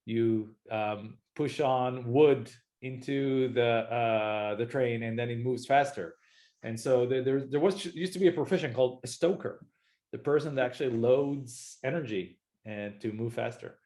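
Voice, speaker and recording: A man in his forties with an Israeli accent, a startup founder talking casually in an interview, relaxed and hesitant. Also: mid-range voice, measured pace. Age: 40s. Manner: hesitant, many fillers and restarts, relaxed.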